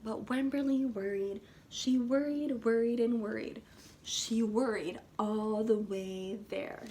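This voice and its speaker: Here a woman with a fairly high, steady, warm voice reads a storybook to young children in short, expressive phrases. She is a kindergarten teacher who pauses to put questions to her listeners, and there's slight background noise.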